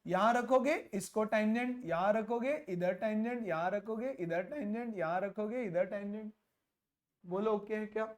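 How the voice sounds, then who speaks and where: A male teacher leads a physics lesson at an unhurried pace, dwelling on each key word. He mixes English terms into his talk and playfully acts out small imagined exchanges to make a point. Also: high-pitched. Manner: mixes Hindi with English terms, repeats key words slowly.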